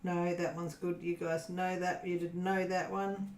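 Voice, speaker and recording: An Australian woman chats slowly and easily with her livestream viewers, drifting off into fillers and frequent giggles. Her voice sits at an ordinary middle pitch. The room around her gives the sound a noticeable echo. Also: little pitch movement, a little mellow, a little hiss or hum. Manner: giggly, rambling, many fillers. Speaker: crafting channel host. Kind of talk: casual livestream chat with viewers. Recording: roomy echo.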